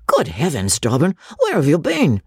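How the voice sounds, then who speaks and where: A man's voice: fairly high pitch, wildly swooping pitch, normal speed, a little mellow, breathy edge, no room sound, clean studio sound, exaggerated voice. A man voicing an impatient young army officer in a storybook reading, urgent and commanding.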